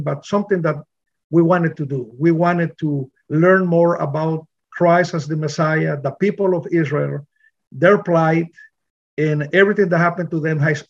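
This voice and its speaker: A middle-aged man from Honduras, a pastor telling his testimony in an interview, earnest and full of pauses and restarts. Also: fairly high pitch, lo-fi sound. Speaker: pastor, guest.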